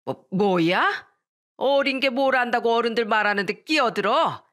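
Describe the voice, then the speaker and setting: Shrill scolding old mother-in-law, read by a woman narrator, loud and slow. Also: lively intonation. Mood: indignant. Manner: scolding, yelling. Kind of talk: storybook reading.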